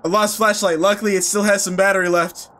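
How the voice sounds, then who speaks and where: A man's voice: high voice, flat delivery, fast, pushed and bright, soft background music. A young man giving playful horror game commentary as a scared streamer, nervous and mock-cheerful with exaggerated reactions. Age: young adult. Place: small indoor streaming room.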